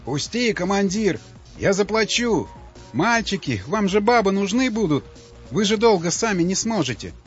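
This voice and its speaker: A man's voice: high voice, wildly swooping pitch, a little fast, hardly any pauses, pitched above the performer's own voice. Man voicing a pleading, desperate strongman. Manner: begging, offering bribes. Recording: slightly muffled with faint music.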